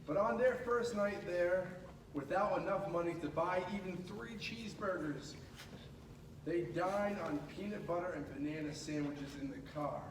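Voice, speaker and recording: A man with a high voice reads a children's picture book aloud indoors at a school, animated and expressive, tossing in chatty asides to his listeners. The mic is distant, the room echoes, and there's noise in the background.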